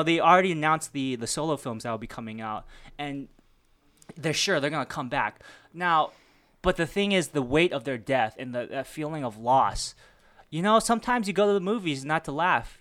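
Animated rambling young man debating. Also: on the high side. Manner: rambling, swears freely, acts out reactions in quoted voices. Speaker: debater arguing the pro side. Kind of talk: animated casual debate talk.

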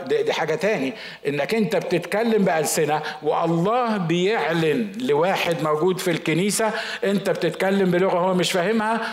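A man's voice: on the high side, echoey room. A man with an Egyptian Arabic accent, a pastor preaching a sermon in a casual, conversational way. He keeps asking the congregation rhetorical questions.

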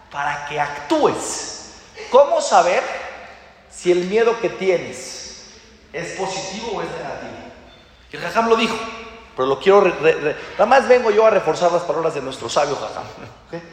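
A man gives an animated religious talk, acting out small dialogues and firing off rhetorical questions. His voice sits high and swings widely in pitch. The recording is very echoey, with a long hall reverb trailing behind every phrase. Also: normal speed. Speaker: religious teacher.

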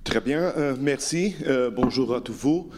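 A man's voice: mid-range voice, expressive, a little slow, background noise. A man whose first language is Portuguese, opening his panel talk in hesitant French and searching for words. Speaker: panel speaker. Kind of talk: halting conference remarks.

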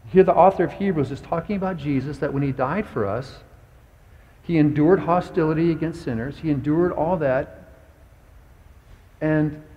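Pastor preaching in a reverberant church. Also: male voice, on the high side, darkish tone. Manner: conversational and anecdotal, asks the congregation questions. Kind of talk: sermon. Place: church sanctuary.

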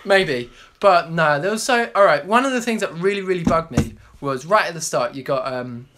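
A man's voice: fairly high pitch, expressive, moderate pace, heavy background noise. Blunt, sweary man debating casually. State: hungover. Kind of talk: heated casual film debate with friends.

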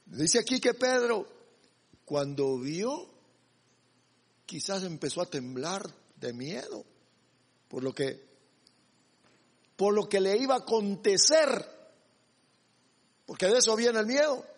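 A man's voice: high voice, animated, slow pace, long pauses, husky. A man preaching a sermon, emphatic, addressing the congregation as brothers. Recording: echoey hall.

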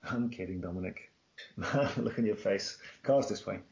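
A man's voice: on the low side, moderate pace, creaky, a little mellow, lo-fi sound. A man voicing a playful older brother who teases and jokes. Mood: teasing. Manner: wry, teasing.

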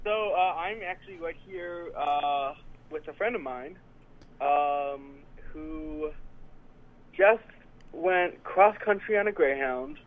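A woman's voice: deep voice, slow. A young woman calling into a show, talking casually with hesitant fillers on a speakerphone held away from her mouth. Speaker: caller. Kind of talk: casual chat. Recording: tinny distant phone line.

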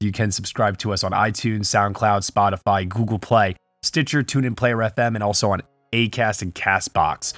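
A man's voice: medium pitch, fairly bright tone. Upbeat man hosting a podcast. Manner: upbeat, plugging the show. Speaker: podcast host. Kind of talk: casual chat and show outro.

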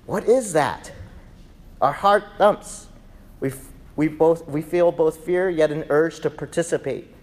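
A man preaching an Easter sermon in a lively, conversational way, acting out voices in his stories. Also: mid-range voice. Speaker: pastor.

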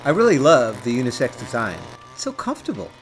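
A man giving a fast, hammy testimonial in a mock commercial. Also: mid-range voice, big pitch swings.

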